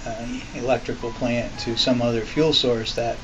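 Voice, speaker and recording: An older man answering interview questions in an office, speaking in a measured, halting way with pauses. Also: medium pitch, steady tone. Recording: distant, muffled, music behind.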